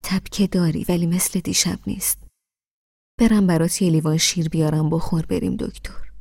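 A protective young husband in a spoken storybook, firm and teasing, his words set down in a low, gravelly tone, as a woman reader puts him on. The voice is dark and husky and sits close and dry on the mic. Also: steady tone, dry recording. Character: caring, headstrong young husband, man.

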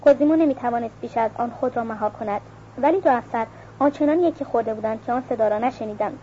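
A woman narrating an audiobook in a steady, measured reading with a few self-corrections. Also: a little high. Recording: muffled with faint hiss.

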